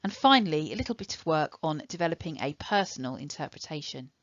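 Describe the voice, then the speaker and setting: English woman teacher, low and dry. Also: expressive, fast talker, dry recording, lo-fi sound. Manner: clear, instructive, step-by-step. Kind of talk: recorded online lesson.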